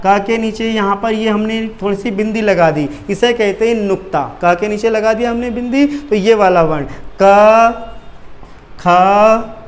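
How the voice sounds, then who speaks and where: A male teacher giving an exam-prep grammar lesson at a board, asking questions and answering them himself. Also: high-pitched.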